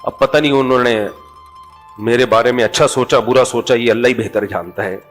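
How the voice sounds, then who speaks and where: A man's voice: medium pitch, soft background music. A middle-aged man with a Pakistani Urdu accent gives a sermon in a joking, conversational way, often putting questions to his audience. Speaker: Islamic preacher.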